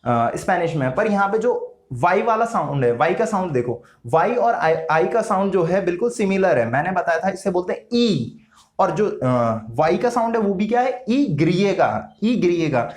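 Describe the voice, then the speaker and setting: A man teaching a casual spoken lesson, slow and patient, repeating each sound several times with frequent hesitant fillers. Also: high-pitched, very animated. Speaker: language teacher. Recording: roomy echo.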